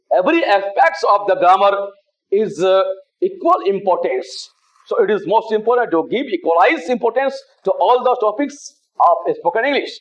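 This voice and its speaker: High-voiced man teaching English grammar. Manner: spells words out letter by letter, slow and repetitive. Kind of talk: classroom lesson explaining grammar. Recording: dull lo-fi sound.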